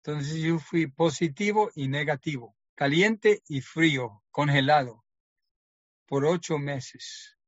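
A man's voice: on the high side, takes it slowly, no echo, muffled recording. A middle-aged man giving an earnest personal testimony, acting out the lines of the people in his story. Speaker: testimony speaker.

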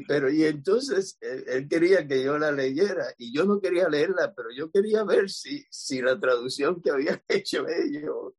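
A man preaching a personal testimony to his congregation, telling it as a lively story and acting out the lines he quotes. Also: medium pitch, breathy edge.

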